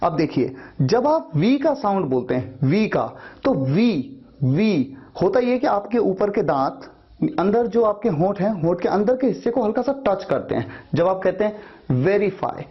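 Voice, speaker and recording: Husky-voiced male language teacher. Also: high voice, very animated, normal speed, highs cut off. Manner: explains patiently, repeats and stretches out example sounds. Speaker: English pronunciation teacher. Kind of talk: spoken language lesson.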